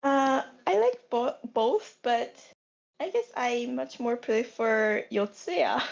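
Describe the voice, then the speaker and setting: A young Japanese woman, accented and fairly high-voiced, speaks expressively at a slow pace with vocal fry. She's a guest on a relaxed podcast, feeling for her words, in a dull lo-fi recording.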